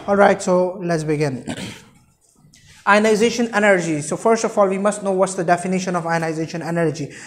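A man in his twenties with a Pakistani accent lectures at a whiteboard, explaining emphatically and repeating key terms. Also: high voice. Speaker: chemistry teacher. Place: indoor room at a whiteboard. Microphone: lapel mic.

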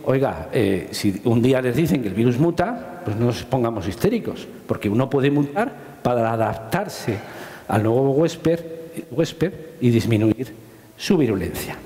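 A man with a Spanish accent giving a lively public science talk, joking and asking his audience questions. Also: medium pitch, unhurried. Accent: Spanish from Spain. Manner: jokey, asks the audience questions, swears casually. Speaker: microbiology lecturer. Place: large lecture hall. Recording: roomy hall with long reverb.

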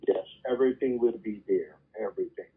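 A man on a phone line making a persuasive, insistent pitch in repetitive, non-native phrasing. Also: brisk. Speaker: phone scammer. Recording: tinny, narrow phone line.

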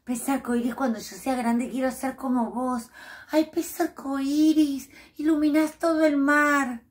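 Adoring little sea fish in a storybook, voiced by a woman, gushing with high, sighing admiration in a Rioplatense Spanish accent. The delivery is breathy with awe. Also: fairly even intonation, a little slow.

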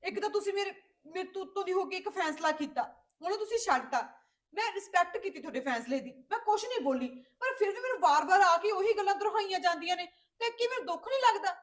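A woman's voice: extremely high pitch, lively intonation, fast talker, roomy sound. A woman with a Punjabi accent playing a hurt young sister who pleads and questions indignantly. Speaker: actress in a Punjabi web drama.

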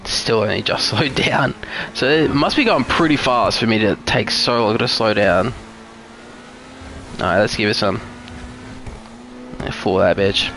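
A man's voice: fairly low pitch, unhurried, long pauses, a bit bright, a little hiss or hum. A young man streaming a driving game live, chatting casually with viewers, swearing often and venting road rage. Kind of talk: live gameplay commentary.

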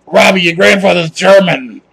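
Crude old grandmother, played by a man, comedy skit. Very gravelly, husky, pushy and suspicious. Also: sits high, moderate pace, fairly bright tone, full character voice. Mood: probing, insistent. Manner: badgering, foul-mouthed, insistent questioning. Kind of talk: improvised comedy phone-call skit.

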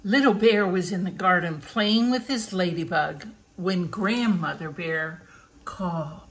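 A woman reads a children's picture book aloud at a very slow, careful pace. Her pitch sits in the middle, and she drops into soft whispered asides between pages. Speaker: reader.

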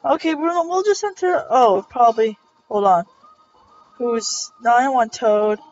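A woman's voice: fairly high pitch, measured pace, darkish tone. A young woman casually commenting on her gameplay, rambling, joking and correcting herself. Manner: rambling, self-correcting, jokey. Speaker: let's play host. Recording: dull lo-fi recording with faint music.

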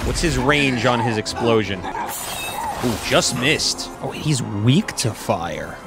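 A man casually commenting while playing a video game, joking and quickly voicing the characters in silly lines. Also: medium pitch, animated, music in the background. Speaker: gaming YouTuber. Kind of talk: casual let's-play commentary.

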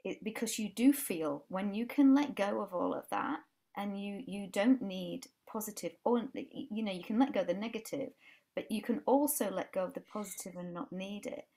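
Speaking at a normal pace with a warm, medium-pitched voice, this Yorkshire woman in her forties, from England, is a life coach guest on a casual podcast. She chats earnestly over a video call from a room at home with a brick wall, often restarting her sentences.

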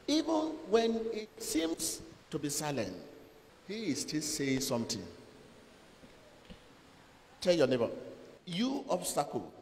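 A middle-aged man preaching to a seated congregation in a large church hall, speaking slowly and emphatically into a handheld microphone, with dramatic swings in loudness and long pauses between phrases. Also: high voice. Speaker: pastor. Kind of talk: sermon. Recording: long hall reverb, faint room noise.

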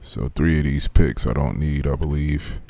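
Deep gravelly man muttering game commentary. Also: moderate pace, dark tone. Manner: laid-back, crude, muttering to himself. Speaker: gaming commentator. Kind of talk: casual let's play commentary.

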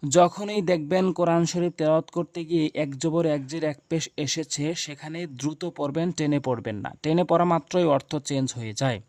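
A man teaching Quran letter sounds, drilling syllables in quick repeated chants and firmly correcting mistakes, with a Bangladeshi Bengali accent. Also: on the high side, darkish tone, no room sound, studio quality. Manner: firm, insistent corrections. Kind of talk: instructional lesson.

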